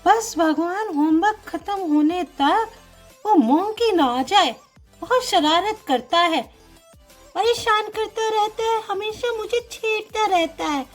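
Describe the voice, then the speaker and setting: A woman's voice: extremely high pitch, slow pace. A woman voicing a fretful schoolgirl in a storybook doll show, whiny and tearful, over faint music. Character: fretful schoolgirl doing homework.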